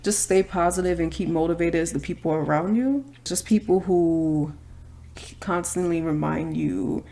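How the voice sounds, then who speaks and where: While applying her makeup, a woman in her twenties from Brooklyn, New York, talks candidly in a chatty vlog full of slang asides. She has a lowish, dark voice with vocal fry and speaks at a normal speed.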